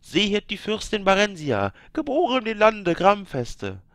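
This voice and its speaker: A man voicing a solemn high priest who proclaims a ceremonial blessing in a high, chanting voice. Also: huge pitch swings, a little slow, a bit bright, dry recording, clean studio sound, exaggerated voice.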